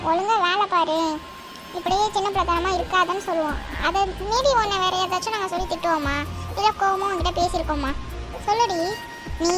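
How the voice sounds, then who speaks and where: A woman voicing a bossy young woman friend in a cartoon, giving firm, scolding advice. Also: extremely high pitch. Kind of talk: cartoon voice acting. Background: music.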